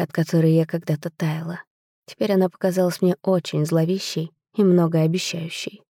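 A woman reads a first-person fantasy novel aloud with dramatic, measured pacing. Her voice is low-pitched and mellow. The recording is dry and close, with no room sound. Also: gravelly, no echo. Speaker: audiobook narrator.

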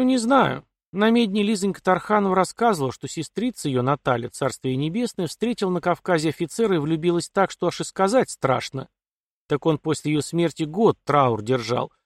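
A headstrong young noblewoman with a sharp tongue, put on by a male narrator, talking back in stubborn, quick-witted retorts. The voice sits raised above the reader's own. It is a storybook audiobook in a dry, close recording. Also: a little high, animated, no room sound, pitched above the performer's own voice. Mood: sly.

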